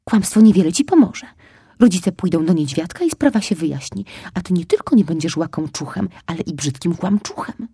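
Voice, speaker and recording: A woman voicing a brisk, clever female squirrel who gives firm, helpful advice. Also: lowish voice, lively intonation, warm tone, slightly rough, dry recording, studio quality, full character voice. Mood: firm scolding.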